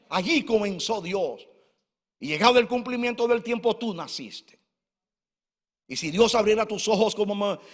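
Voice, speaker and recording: A man in his sixties, a pastor giving a fervent sermon full of personal testimony in a church hall. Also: sits high. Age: 60s. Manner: fervent, personal storytelling preaching. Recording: long church-hall reverb.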